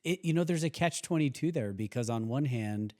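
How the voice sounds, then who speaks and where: A man's voice: medium pitch, expressive, fairly quick, darkish tone. A man hosting a podcast, talking in an easygoing way that is full of "you know" and "I mean". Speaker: podcast host. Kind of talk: casual conversational interview.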